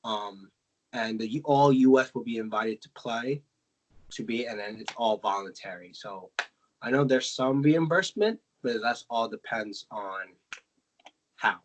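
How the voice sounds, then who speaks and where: A man's voice: mid-range voice, unhurried, a little hiss or hum, low-quality recording. A man from the United States co-hosting a casual podcast, explaining at length with many fillers and self-corrections. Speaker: podcast co-host.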